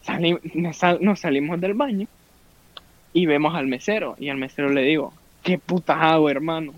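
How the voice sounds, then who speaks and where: A man's voice: on the high side, normal speed. A young man, telling a rowdy story among friends and swearing casually. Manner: crude slang-heavy, animated retelling. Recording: dull lo-fi sound.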